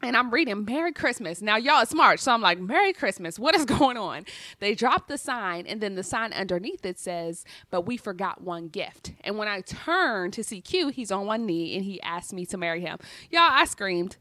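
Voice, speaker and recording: Bright, animated young woman telling a story. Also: mid-range voice, moderate pace, no room sound. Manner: animated, expressive, laughs often. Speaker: podcast co-host. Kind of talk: casual storytelling chat.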